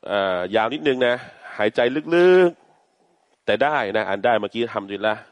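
A man teaching Quran recitation, chanting Arabic verses slowly and explaining pronunciation patiently in Thai. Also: fairly low pitch, dry recording. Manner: slow, patient, demonstrates sounds repeatedly, chants verses.

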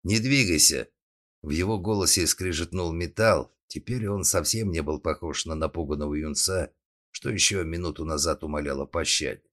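A man reading a thriller audiobook as narrator, in a steady dramatic tone. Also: extremely low pitch, moderate pace. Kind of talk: scripted narration.

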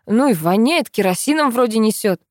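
A woman voicing a sleepy male neighbor who grumbles slowly. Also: on the high side, expressive, a little mellow, no echo, clean studio sound, pitched above the performer's own voice, natural voice.

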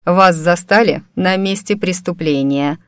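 A woman reading an audiobook voices a self-assured male mentalist investigator who talks in a languid, unhurried drawl. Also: on the low side, fairly bright tone, clean tone, no room sound, studio quality. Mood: cool.

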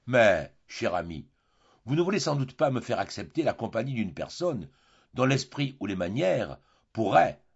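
A proud noblewoman weighing her words with formal, guarded courtesy, as a man reads her letter aloud in a storybook. His voice is gravelly and husky, on a muffled lo-fi recording. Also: medium pitch, exaggerated voice.

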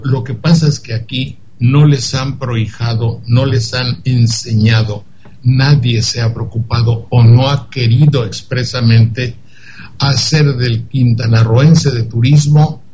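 A man's voice: mid-range voice, noisy background. An older man, a radio commentator telling a digressive story and acting out the dialogue.

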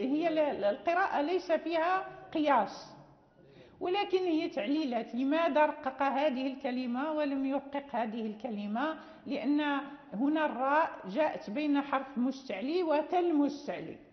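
A woman teacher giving a classroom lecture, explaining patiently, checking that students follow, with frequent fillers and restarts. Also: sits high. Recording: dull lo-fi audio with long reverb.

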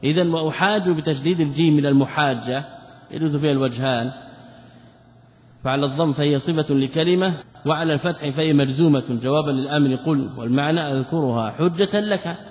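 A man with a fairly high voice teaches as a sheikh, working through a classical text. He asks rhetorical questions, answers them himself, and repeats key terms to drive them home. The recording is muffled and lo-fi, with a long reverb trailing through a large hall. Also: fast talker, darkish tone. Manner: repeats key words for emphasis. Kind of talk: classical religious lesson commentary.

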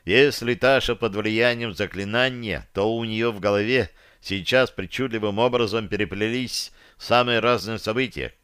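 A man's voice: lowish voice, moderate pace, few pauses, fairly bright tone, smooth, dry recording, clean studio sound, natural voice. A man reading an audiobook voices a tense young man giving careful advice. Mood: urgent.

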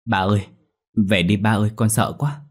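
A timid, tearful teenage girl pleads in a trembling, higher voice, as a man puts her on. It is a storybook ghost tale told aloud. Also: steady tone, normal speed, natural voice. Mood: pleading.

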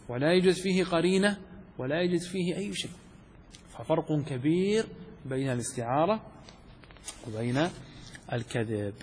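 Sheikh lecturing in a reverberant hall. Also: male voice, on the high side, slightly rough. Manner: asks rhetorical questions and answers them himself; repeats key terms for emphasis. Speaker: sheikh teaching rhetoric. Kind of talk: classroom lecture on Arabic rhetoric.

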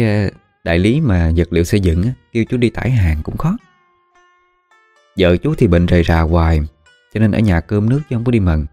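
A man's voice: sits low, warm tone, no room sound. A man with a Mekong Delta Southern Vietnamese accent telling a village story in a casual, rambling way, with many filler sounds. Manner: folksy, rambling, with frequent "à" fillers.

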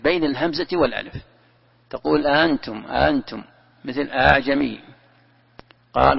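Sheikh teaching a class, super gravelly husky voice, dull old recording. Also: male voice, medium pitch. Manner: explains by repeating phrases and asking questions. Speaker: sheikh teaching Quran commentary. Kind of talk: classroom lesson on Quran commentary.

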